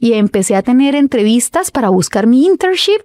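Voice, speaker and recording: Woman from Colombia, podcast guest, animated storyteller, acts out voices, warm tone. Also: a little high, fairly quick, no echo. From Colombia, Cúcuta. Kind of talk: casual storytelling interview.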